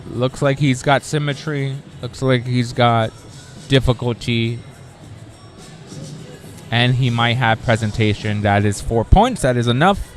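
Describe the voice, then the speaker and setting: A man's voice: mid-range voice, a little slow, long pauses, faint music behind. A man commentating live at a competition, upbeat and calling out scores and entrants. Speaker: play-by-play commentator.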